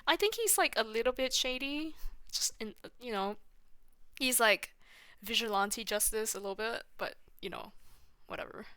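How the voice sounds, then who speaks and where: A woman streamer giving casual commentary on a game she is playing, sarcastic and blunt, with loud laughs and swearing. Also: a little high, moderate pace, clean tone, dry recording.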